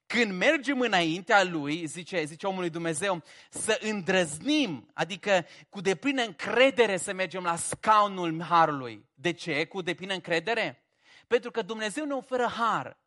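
Animated, bright-voiced male preacher. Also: sits high. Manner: animated and humorous, acting out biblical characters; swings between quiet reflection and loud emphasis. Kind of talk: sermon.

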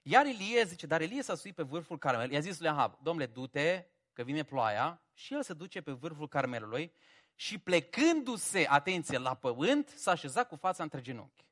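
A man preaching a sermon, humorous and animated, swinging from quiet reflection to loud emphasis. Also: a little high. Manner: animated and humorous, acting out biblical characters.

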